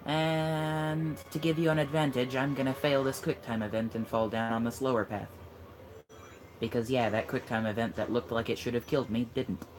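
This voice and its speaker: Over game music, a man with a mid-range voice chats casually at a moderate pace, his intonation fairly even and a little background noise audible. He's a gamer coaching the friend playing next to him, teasing him and passing along tips in a relaxed let's-play style.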